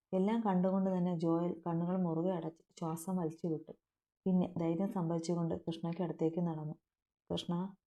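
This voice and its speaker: A woman narrating a romantic family story in a steady, emotive reading. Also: lowish voice. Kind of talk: scripted narration.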